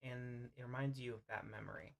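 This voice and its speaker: Over an online voice call, a game master narrates an improvised tabletop roleplay, frequently pausing mid-sentence. His mid-range voice is creaky with fairly even intonation.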